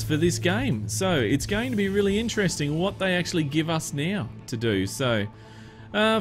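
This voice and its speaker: Man, Australian accent, gaming host, casual let's-play talk, rambling, slightly high voice, music in background. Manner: chatty, rambling, thinks aloud while driving.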